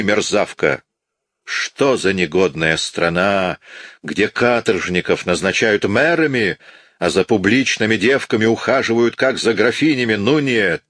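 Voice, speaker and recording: A man reading an audiobook and voicing a harsh, domineering police inspector who shouts orders with contempt. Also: on the low side, husky, no echo, clean studio sound, voice pushed up.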